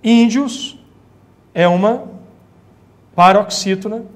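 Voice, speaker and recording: Male teacher, high-pitched, patient explainer for an exam-prep class. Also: takes it slowly. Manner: explanatory, checks in with tag questions. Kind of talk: exam-prep grammar lecture.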